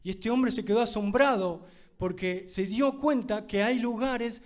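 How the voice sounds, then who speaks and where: A man's voice: high voice, measured pace. A man with a Rioplatense Spanish accent preaching a fervent sermon, checking in with the congregation often and closing in prayer. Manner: ends in a spoken prayer.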